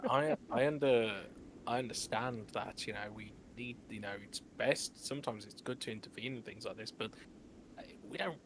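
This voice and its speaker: A man's voice: on the low side, very animated, moderate pace, creaky, a bit bright, slight background noise, rough recording. A man talking casually and tentatively as a player in a tabletop game.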